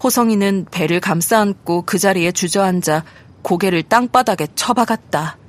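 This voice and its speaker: Woman narrating a Korean audiobook. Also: mid-range voice. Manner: steady, measured storytelling. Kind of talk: scripted narration.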